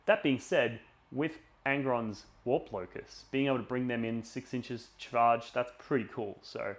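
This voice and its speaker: Casual male live streamer, medium pitch. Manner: informal, opinionated, thinking aloud. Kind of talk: casual live stream chat, explaining tabletop game tactics and running a giveaway.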